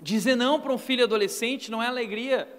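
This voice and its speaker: A man with a Brazilian accent preaching a sermon, telling stories and acting out quotes in an animated way. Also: very high-pitched, quick pace. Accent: Brazilian Portuguese. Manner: animated storytelling with acted-out quotes. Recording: long hall reverb.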